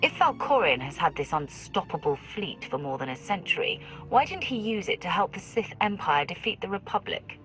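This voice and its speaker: A woman's voice: on the low side, very animated, normal speed, hardly any pauses, a bit bright, soft background music, low-quality recording. An actress playing a blunt, skeptical female Sith warrior in a video game, direct and questioning.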